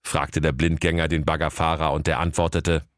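Deep male narrator for a comic fairy-tale parody, mock-solemn, dry studio read. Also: little pitch movement, moderate pace, dry recording.

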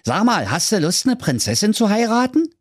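Storybook role: a squeaky, bossy little fat king in a dry close read. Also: very animated, moderate pace, no echo. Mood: blustering. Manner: shrill, blustering, bossy. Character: small fat grumpy curry-sausage king.

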